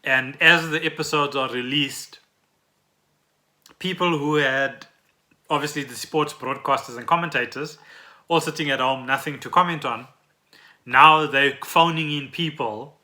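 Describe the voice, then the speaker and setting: This South African podcast co-host has a mid-range voice that sounds pushed and bright. He speaks a little slowly and pauses often while explaining trending news in a relaxed, chatty manner.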